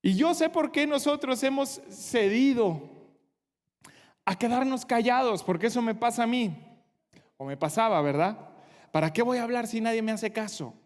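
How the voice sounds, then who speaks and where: A man preaches a sermon in an earnest, direct way, speaking straight to his congregation. His voice sits high for a man, and a long reverb from the church hall trails after his words. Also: expressive, normal speed. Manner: earnest preaching, addressing the congregation directly, acting out short quotes. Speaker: pastor.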